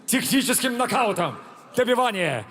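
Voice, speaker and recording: Guy doing fight ring announcements, high voice, big swoopy showman delivery, draws the names out. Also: big pitch swings, moderate pace, fairly bright tone, in a large hall. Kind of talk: fight announcing in Russian and English.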